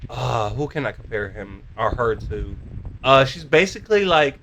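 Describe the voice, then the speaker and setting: A man talks through a show recap in a loose, rambling way and keeps circling back to the same filler words. His voice is bright and forward, at an ordinary middle pitch. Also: a little hiss or hum. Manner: rambling, full of "basically", searches for words. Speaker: co-host of a show review. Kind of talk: casual recap chat.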